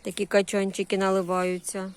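A woman with a mid-range voice speaks in a monotone, a little fast and smooth. Her Ukrainian accent carries Russian-influenced surzhyk words as she walks through a vegetable garden and greenhouse. She gives a casual, unscripted tour in short, homely phrases full of diminutives.

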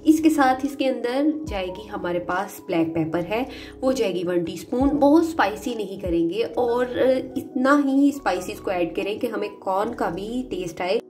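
A woman's voice: mid-range voice, normal speed, faint music behind. A woman hosting a cooking channel, narrating a recipe step by step. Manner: steady instructional narration. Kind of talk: recipe voice-over.

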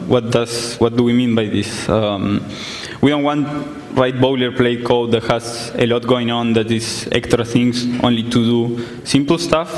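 Slight background noise accompanies this medium-pitched young man from Argentina as he speaks at a conference in a big hall. The sound echoes since he's set back from the microphone, and his plain explanations are full of filler words.

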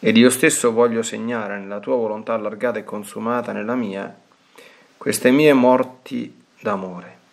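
A man reading aloud the words of Jesus, gentle and consoling, with calm pauses. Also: fairly low pitch, gravelly. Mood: tender. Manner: calm, tender reassurance, read with pauses.

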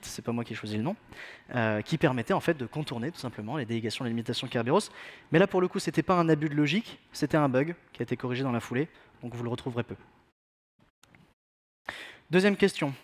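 A man giving a technical conference talk in a self-mocking, joking way, with many fillers. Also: medium pitch. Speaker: conference speaker.

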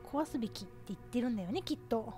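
A Japanese woman streams a horror game, talking to herself with a slightly high, expressive, mellow voice at a fast clip. She sounds nervous and jumps easily, and soft music plays underneath her casual let's-play commentary.

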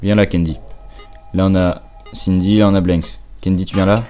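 A young man giving casual, halting let's play commentary, muttering to himself as he plays. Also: low-pitched, little pitch movement, warm tone, faint music behind. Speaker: gamer commenting on own play.

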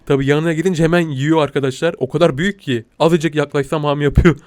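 A young man narrates his gameplay in an excitable, panicky rush, often crying out in mock fear. His voice sits a little high, and the sound is dry and close to the mic. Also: fast, no room sound. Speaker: gaming YouTuber.

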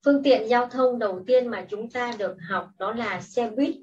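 A woman teacher speaks slowly and patiently, giving clear classroom instructions. Her voice sits a little high and comes from some distance off the mic. The sound is dull and muffled, with a faint hiss underneath. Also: darkish tone. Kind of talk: slow, deliberate classroom instruction.

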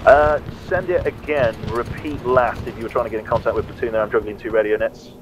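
Give me a brisk man over a walkie-talkie. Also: mid-range voice, steady tone, lo-fi sound. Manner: brisk, busy radio coordinator. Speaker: other player on team radio. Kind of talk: military radio chatter in a game. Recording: distant radio voice with noise.

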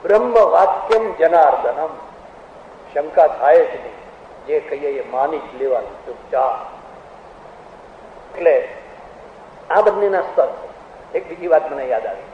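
A man's voice: on the high side, animated, a little slow, long pauses. A male religious teacher giving a spiritual discourse, telling anecdotes with rhetorical questions and now and then mimicking other people's voices. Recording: echoey hall, tinny phone-like sound, faint hiss.

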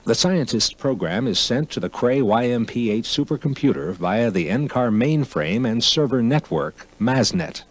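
A man reading scripted documentary narration for a 1992 computer facility tour video, in an even, informative delivery. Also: mid-range voice, moderate pace, hardly any pauses. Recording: 1992 archival video voice-over.

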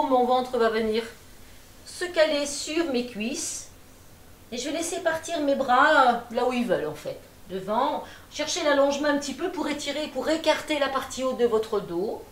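A middle-aged woman leading a gentle seated exercise class from her attic room at home, with calm, encouraging and folksy cues. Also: high voice, moderate pace. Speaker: gentle gym instructor. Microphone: far camera. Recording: echoey room from far off.

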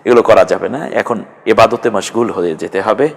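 A man's voice: on the low side, creaky. Bengali man teaching Arabic letters, reverberant. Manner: patient, drills letters one by one, models pronunciation slowly. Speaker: Quran teacher. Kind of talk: online Arabic letter lesson. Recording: long hall reverb.

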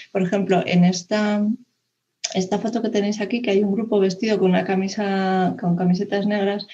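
A conference speaker from Spain presents online over a dull-sounding video call, indoors. She has a warm, medium-pitched voice but speaks hesitantly, with plenty of fillers and false starts.

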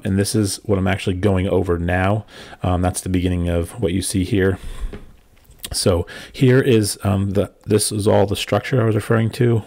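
A man giving a step-by-step voice-over tutorial, explaining calmly with frequent ums. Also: deep voice, no room sound. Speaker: kayak fishing vlogger.

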